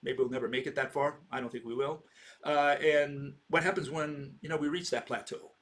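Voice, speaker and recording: A man's voice: on the high side, steady tone, normal speed, fairly bright tone. A man in his sixties giving a rambling informal lecture, posing rhetorical questions and checking in with "okay?". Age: 60s.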